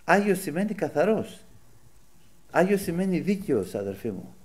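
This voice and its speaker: Male preacher, fairly high voice, lively, swooping delivery, animated storyteller. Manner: animated storytelling, voice rising when quoting angry people. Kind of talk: sermon.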